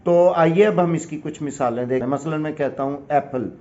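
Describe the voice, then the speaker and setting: A man's voice: a little high, warm tone. A man from Pakistan with a Pakistani accent, teaching an English grammar lesson with patient, step-by-step explanations and examples. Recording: dull lo-fi recording.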